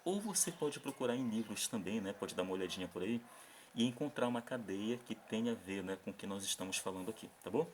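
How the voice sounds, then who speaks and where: Patient Brazilian teacher, lowish voice. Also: male voice, animated, quick pace, a little hiss or hum. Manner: patient, checks in constantly with short tag questions. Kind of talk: recorded remote class.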